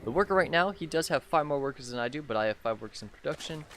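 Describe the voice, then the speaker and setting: A young man with a sick, hoarse voice hosts a casual commentary of his own strategy game match. He talks in a loose, rambling way, full of ums and restarts. A faint noise sits under the recording. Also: a little high, animated, quick pace, fairly bright tone. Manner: rambling with many "um" fillers. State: sick with a sore throat. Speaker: gaming channel host casting his own match.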